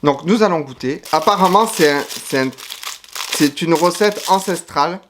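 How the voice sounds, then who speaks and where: A man's voice: on the high side, moderate pace, noisy background. Chatty man giving food-tasting verdicts. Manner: chatty, frank verdicts, talks while chewing. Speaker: YouTuber tasting foreign food. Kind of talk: casual food-tasting commentary.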